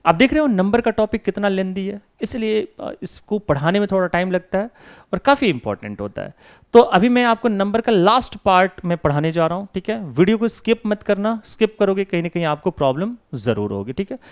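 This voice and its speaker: Clear-voiced Hindi-speaking grammar teacher. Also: male voice, high-pitched, very animated, brisk. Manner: explains in Hindi mixed with English, asks and answers his own questions. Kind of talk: classroom lesson.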